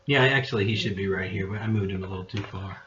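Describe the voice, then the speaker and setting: A man's voice: low voice, quick pace, roomy sound, crowd noise. Laughing man running a tabletop game. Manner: laughing, teasing, explaining rules. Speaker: game master. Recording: dull lo-fi recording.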